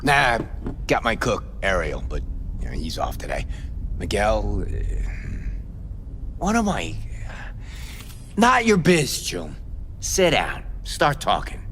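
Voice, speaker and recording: A man playing a jaded, foul-mouthed aging rock musician in a video game, gruff and theatrical. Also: lowish voice, huge pitch swings, slow, long pauses, fairly bright tone, a little hiss or hum, heavily acted. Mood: guarded, sardonic.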